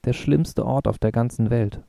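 A man's voice: mid-range voice, normal speed, creaky, dark tone, no echo, studio quality, close to an everyday voice. A man reading the part of a blunt young man with a crude, wry way of talking.

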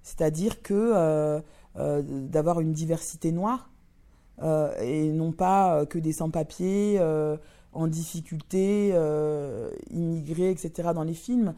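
Blunt actress with a very low, dark voice. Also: female voice, takes it slowly. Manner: blunt, many fillers. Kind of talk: candid interview testimony.

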